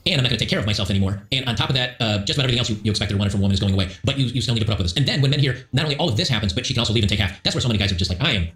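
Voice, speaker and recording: Fast-talking male host in a roomy echo. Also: fairly low pitch, lively intonation, fairly bright tone. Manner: rambling opinionated rant with acted-out quotes. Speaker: show host. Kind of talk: casual stream talk.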